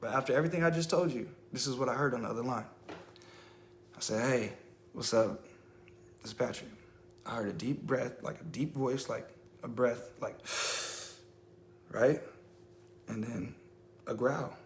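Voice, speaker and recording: A man's voice: mid-range voice, normal speed, pauses often, a little hiss or hum. Earnest man telling his story, roomy echo. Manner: earnest storytelling, full of fillers and "I kid you not". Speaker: person sharing religious testimony. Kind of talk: casual Facebook livestream testimony. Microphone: phone livestream.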